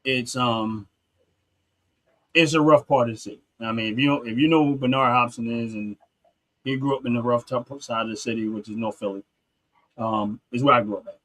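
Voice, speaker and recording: A man's voice: mid-range voice, fairly even intonation, a little fast, fairly bright tone. A man from Philadelphia hosting a casual talk show and speaking in an earnest, emphatic, preachy way. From Philadelphia, USA. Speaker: podcast host.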